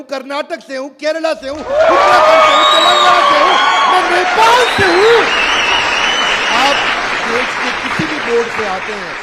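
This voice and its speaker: Before a live crowd in a big, echoing event hall, a business speaker with a very high voice and an Indian accent launches a product. He delivers a forceful, motivational sales pitch, repeating phrases and calling out to the audience over loud background noise from the crowd.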